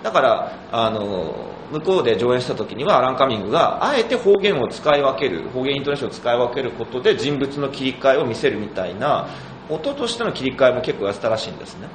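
A man hosting a relaxed conversation, speaking fast with a lively, swinging pitch and frequent laughs. The room is echoey, with clear noise behind him. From Tokyo. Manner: lively, laughs often, quick and animated. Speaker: host. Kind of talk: casual chat.

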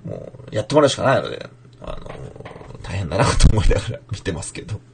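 A man's voice: lowish voice, big pitch swings, fast talker, creaky, noisy background. A man raised in Fukushima hosting a casual podcast, reading listener mail and slipping into Fukushima dialect to demonstrate lines. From Fukushima, Japan. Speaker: podcast host, playwright.

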